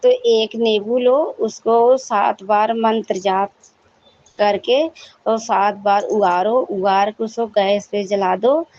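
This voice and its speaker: A woman's voice: mid-range voice, fairly even intonation, slow pace, darkish tone, dull audio. A woman giving a devotional testimony, telling her story to the congregation, often addressing them as sangat ji and stopping to apologize and correct herself.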